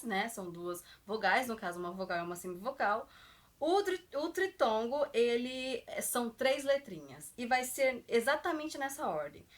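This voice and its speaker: A young woman teaching a grammar lesson, patiently repeating example words and stretching them out slowly. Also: on the high side, a bit bright. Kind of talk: explaining grammar to viewers.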